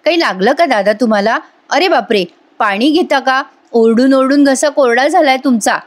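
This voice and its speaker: A woman voicing a sweet-talking young wife who calmly persuades and pleads in a sisterly way. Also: high-pitched, normal speed, natural voice. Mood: concerned.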